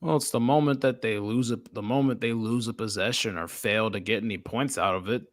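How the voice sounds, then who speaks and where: A man's voice: on the low side, fairly quick, no echo, studio quality. A man hosting a casual sports talk show, leading the talk and quizzing his co-hosts in a joking way. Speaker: podcast host.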